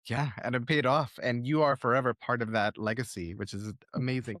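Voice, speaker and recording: A man's voice: mid-range voice, steady tone, brisk, fairly bright tone, no echo, studio quality. A man hosting a podcast, asking questions and affirming his guest attentively. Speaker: podcast host. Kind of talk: podcast interview.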